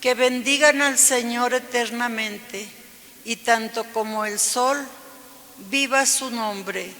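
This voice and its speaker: A cantor at mass, a man with a very high voice, recites the psalm in a slow, measured way and sings the alleluias. His bright tone is carried by a long cathedral echo. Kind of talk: liturgical reading with sung refrains. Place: large church. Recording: long church reverb.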